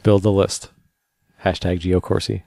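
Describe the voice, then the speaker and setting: A man co-hosting a podcast, chatting casually and reading out news with a relaxed, rambling manner and a tired edge. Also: low-pitched, unhurried, creaky, dry recording. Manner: relaxed, rambling, many fillers. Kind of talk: casual chat.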